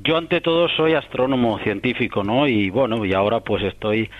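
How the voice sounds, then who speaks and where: A man's voice: medium pitch, normal speed. A man from Catalonia, an astronomer answering interview questions in a thoughtful, rambling way full of restarts and tag questions. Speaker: astronomer guest. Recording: muffled radio broadcast.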